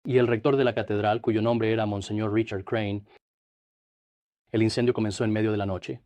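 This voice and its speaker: An older man from New Jersey, a priest and interview guest, recounting his life in a measured, reflective way. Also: lowish voice, fairly even intonation, a little mellow, dry recording, dull audio. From Trenton, New Jersey, USA. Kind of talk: studio interview, dubbed.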